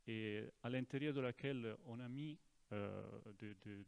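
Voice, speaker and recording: An Italian man giving an informal presentation in broken French with an Italian accent, halting and repeating words as he goes. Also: medium pitch, creaky, a little mellow, smooth. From Italy. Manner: broken, non-native French with grammar slips. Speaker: naval officer giving a presentation.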